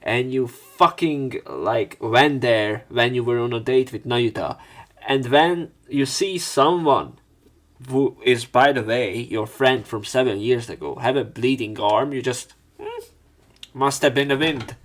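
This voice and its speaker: Reading lines from a visual novel, this man keeps a measured pace in a medium-pitched, fairly bright voice. He keeps interrupting himself with relaxed, profanity-laced let's play remarks.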